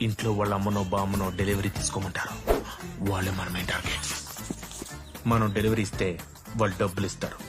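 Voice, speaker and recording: A man's voice: low-pitched, level tone, quick pace, long pauses, lightly acted. An actor playing a sly delivery man who pockets customers' money and explains his tricks, in a film comedy. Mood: scheming. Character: sly young male delivery boy skimming tips. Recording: film soundtrack with music.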